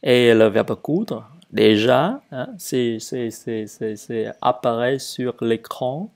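Guy teaching real slow, lots of um, mellow dark voice. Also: medium pitch. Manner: hesitant, many fillers, stretches conjugation drills slowly. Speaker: French teacher. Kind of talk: relaxed spoken language lesson.

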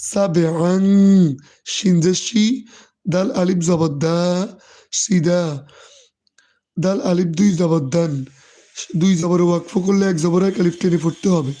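A hoarse Quran teacher who drills the reading syllable by syllable and explains tajweed rules. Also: mid-range voice, steady tone, moderate pace, mellow. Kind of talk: slow Quran reading lesson, spelling out letters and vowels.

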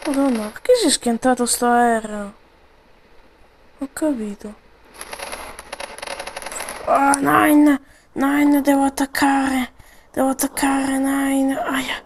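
Slow high-voiced woman joking through a game. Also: fairly even intonation, noisy background. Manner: playful, jokey, slangy chatter with sudden yells. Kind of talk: improvised game role-play commentary.

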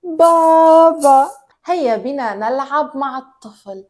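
A young woman presenting to small children, teaching simple words as if reading to a toddler, in an exaggerated, encouraging sing-song with drawn-out repeats. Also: high voice, lively intonation, faint music behind. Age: young adult. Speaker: presenter of a children's learning show. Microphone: clip-on lapel mic.

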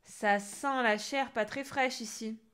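A woman doing a huge, cranky storybook witch who bellows her threats and spits out silly insults. She is loud and gruff, and she sounds as if she is looming over a small child. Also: fairly high pitch, steady tone, takes it slowly. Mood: furious. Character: grumpy huge female witch, insulting and menacing.

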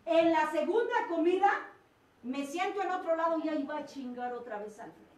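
A Mexican woman giving a blunt, crude personal testimony as a rehab sponsor, swearing often and rising to loud self-reproach. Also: high voice, expressive, a little fast. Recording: echoey room, mic far off, faint noise.

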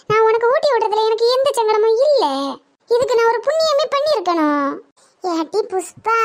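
A voice actor playing a sly young village woman who sweet-talks the others, in a cartoon comedy. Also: very high-pitched. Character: scheming young village woman poisoning the sisters.

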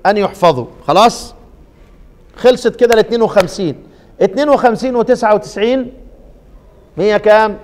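Egyptian sheikh teaching quran readings, high voice, quizzes the class, drags out quoted verses, long hall echo. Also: male voice. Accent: Egyptian Arabic. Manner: quizzing students with leading questions, drawn-out quoted verses.

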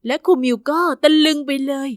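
A woman narrating a first-person story with a steady, even storytelling delivery. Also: a little fast, no room sound, studio quality.

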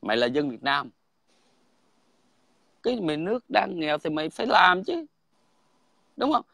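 A man's voice: fairly high pitch, big pitch swings, moderate pace, gravelly, sharp tone, no echo. A man, talking bluntly and crudely in a heated casual chat, again and again asking "right?". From Vietnam. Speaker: guest in online livestream chat.

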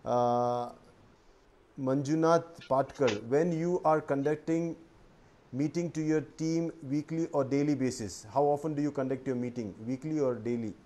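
A man's voice: mid-range voice, normal speed, dark tone, slight background noise. A man hosting a video-call interview, reading out viewer questions with joking asides. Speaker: host. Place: indoor room with bookshelves.

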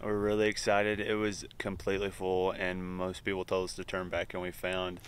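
A man's voice: deep voice, monotone, normal speed, smooth. A young man chatting casually for a travel vlog while hiking outdoors, a little out of breath. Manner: upbeat, talking while hiking. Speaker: vlogger. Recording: faint outdoor ambience.

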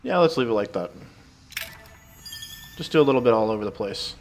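A man giving casual game commentary, relaxed and thinking aloud. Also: medium pitch, fairly quick, slight background noise. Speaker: let's play gamer.

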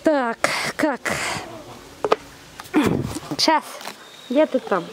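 In a very noisy outdoor recording from the zoo's bear enclosures, a woman feeds and films bears with her handheld camera. She speaks extremely slowly in a high-pitched voice with lively intonation, cooing baby talk full of repetition and pet diminutives, as if to animals.

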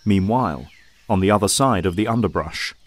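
A man with a low, expressive voice reads scripted dramatic narration at a brisk pace as the narrator of an audio drama. The recording is dry, with a music bed under his voice and music and effects in the background.

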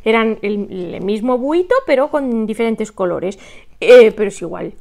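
A middle-aged woman chats through her viewers' comments while she crochets, breaking into giggles and counting her stitches out loud. Her voice sits a little high, and she takes her time with each phrase. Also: lively intonation, a little slow, vocal fry. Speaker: crochet channel host reading viewer comments. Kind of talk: casual chat while crocheting.

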